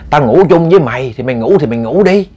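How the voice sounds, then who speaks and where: A man's voice: mid-range voice, lively intonation, quick pace, mellow, husky, lo-fi sound. A man voicing a scolding sick old mother. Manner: blunt scolding, rambling.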